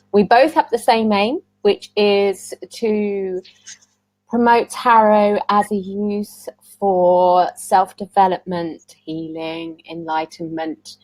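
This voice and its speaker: A woman's voice: mid-range voice, no echo, rough recording. Chatty woman hosting a video call. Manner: bubbly, chatty, laughs at own slips. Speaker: host. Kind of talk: online summit interview.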